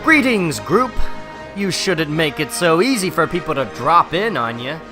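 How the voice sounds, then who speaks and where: A man acting a cocky, quick-tempered teenage superhero in a dramatic comic book reading, brash and wisecracking. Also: fairly high pitch, very animated, music in the background.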